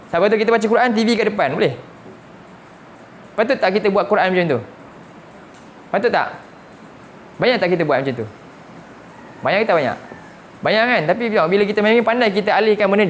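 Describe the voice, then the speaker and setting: A man's voice: high-pitched, a little hiss or hum. A man with a Malaysian Malay accent teaching a Quran lesson, firing repeated questions at his students and slipping in English words. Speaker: religious teacher. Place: mosque classroom.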